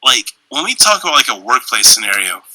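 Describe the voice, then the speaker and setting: A young man co-hosting a podcast, telling stories in a loose, profane, animated way. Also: medium pitch, a little fast, dry recording, poor audio. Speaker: podcast co-host. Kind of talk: casual chat.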